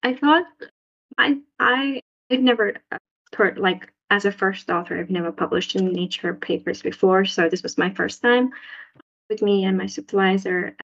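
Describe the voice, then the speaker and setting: A young Sri Lankan woman, a postdoc researcher, answers interview questions casually, full of restarts and fillers. Her voice is creaky and a bit bright at a moderate pace, and the audio is muffled and low-fidelity.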